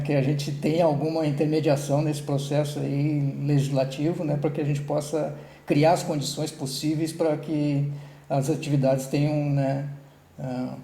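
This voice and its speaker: A man's voice: a little high, dark tone, echoey room. A man coordinating an online meeting, talking casually with many restarts and tag questions.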